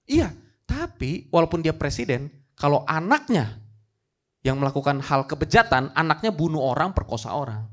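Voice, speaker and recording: A male pastor preaches a sermon at a live church service, his voice on the high side and sing-song at a moderate pace. He tells a story dramatically, building to emphatic peaks.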